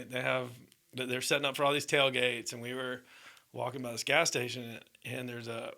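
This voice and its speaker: A Georgia man in his 30s co-hosts a podcast, telling a casual story in a gravelly, sharp-toned mid-range voice. He rambles, laughs often and keeps restarting his sentences.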